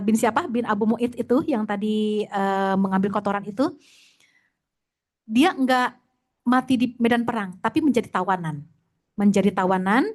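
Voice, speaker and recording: Animated storytelling woman teacher, higher voice. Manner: animated storytelling, dropping to whispers and rising to exclamations. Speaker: Islamic teacher. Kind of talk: religious talk.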